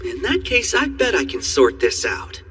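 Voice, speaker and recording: Animated teenage boy playing amateur sleuth. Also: a little high, normal speed, far from the mic, slight background noise, heavily acted. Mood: easygoing confidence. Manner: amateur sleuth theatrically laying out deductions. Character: teenage boy amateur sleuth, polite, playful, cleverly showing off. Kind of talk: English anime dub acting.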